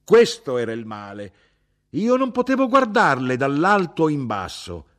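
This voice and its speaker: A man reading the part of a blunt, indignant middle-aged mother who talks in a sharp, insistent way. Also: huge pitch swings, a little slow, heavily acted. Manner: sharp, insistent, rising in pitch.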